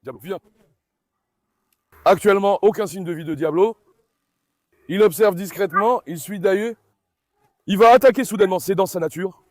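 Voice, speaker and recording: A man hosting a dog vlog, giving running commentary to viewers and repeatedly calming his dogs with soothing commands. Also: sits high, moderate pace, pauses often, no room sound. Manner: talks directly to viewers as friends. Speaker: dog owner and channel host.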